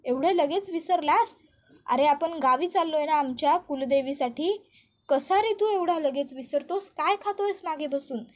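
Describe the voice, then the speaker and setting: A woman's voice: high voice, moderate pace, close to an everyday voice. A woman reading the lines of an insistent young man in a family story, in her own voice.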